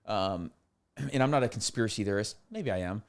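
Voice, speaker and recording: A man's voice: lowish voice, moderate pace, vocal fry. A man in his forties talking casually as a podcast guest, emphatic, often repeating words as he goes. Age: 40s. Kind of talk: casual conversational interview.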